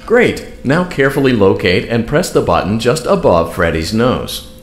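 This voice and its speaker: Polite formal ai guide in a video game, measured instructions, echoey. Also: male voice, lowish voice, big pitch swings. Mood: calm, encouraging. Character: polite, upbeat male artificial guide voice giving repair instructions. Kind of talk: scripted instructional narration. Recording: roomy game audio with light noise.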